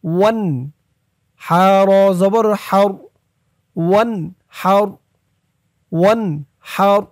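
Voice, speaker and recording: A man teaching Quran recitation letter by letter, chanting the verses in long drawn-out tones and explaining pronunciation between them. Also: high-pitched, steady tone, no room sound. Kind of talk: slow tajweed lesson with spelled-out letters and recitation.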